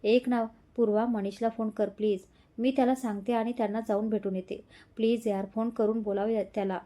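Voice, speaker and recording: A distraught young woman begs through tears in a storybook audio drama, voiced by a woman narrator. Her voice sits fairly high, with a soft, mellow tone. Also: steady tone, fairly quick, lightly acted. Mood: tearful pleading. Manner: tearful, pleading.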